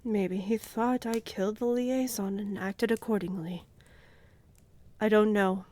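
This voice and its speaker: Now stern and possessive, the woman playing the commanding vampire countess in a fantasy audio drama still speaks slowly, regally, and with cool, condescending affection. Her lightly acted, medium-pitched voice is breathy and darkish, with fairly even intonation, and it often sinks toward a whisper.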